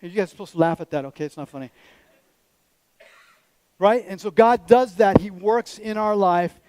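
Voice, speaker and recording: A man's voice: sits high, normal speed, a little mellow, no echo. A man preaching a sermon as a pastor, direct and conversational, with teasing asides to the congregation. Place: church.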